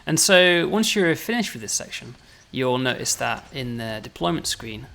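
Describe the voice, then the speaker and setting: With a sing-song, creaky, sharp-toned voice of medium pitch, a man shows off new features of a game he's making. At a moderate pace he explains things in a chatty way, often ending points with "right?".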